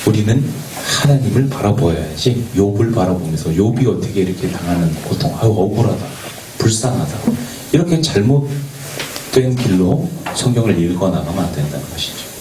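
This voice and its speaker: A man with a deep, expressive voice preaches briskly as a youth pastor in a church worship space. Earnest in tone, he asks the youth rhetorical questions and now and then fumbles his words, making a joke of it. Sound comes from a distance, echoey, with faint background noise.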